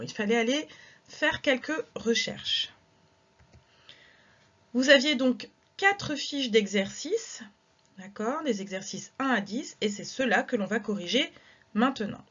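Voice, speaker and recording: A woman teacher going through exercise corrections in a recorded lesson, counting syllables aloud with slow, careful delivery. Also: a little high, fairly bright tone, lo-fi sound.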